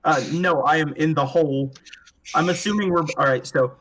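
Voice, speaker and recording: A man playing a tabletop game, excitable and prone to shouting. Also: on the high side, normal speed, rough recording. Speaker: player.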